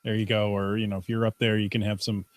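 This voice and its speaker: A man's voice: lowish voice, level tone, fast, dry recording. A man co-hosting a casual podcast over a video call, chatty and reading news aloud with playful asides. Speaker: podcast co-host.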